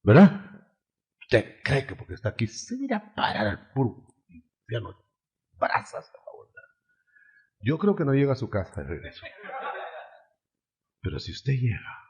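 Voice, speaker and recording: A male preacher giving a lively, humorous sermon and acting out the quotes he tells. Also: mid-range voice, a little slow, pauses often. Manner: animated, humorous, acts out quotes.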